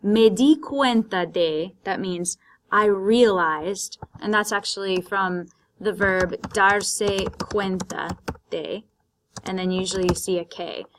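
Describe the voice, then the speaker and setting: A woman's voice: mid-range voice, fairly even intonation, slow pace, fairly bright tone, slight background noise. A woman teaching Spanish vocabulary, patiently explaining words in Spanish and English. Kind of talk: vocabulary lesson, bilingual.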